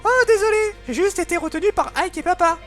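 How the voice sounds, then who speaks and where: A man doing a sweet young girl, high and pleading. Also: fast talker, a bit bright, faint music behind.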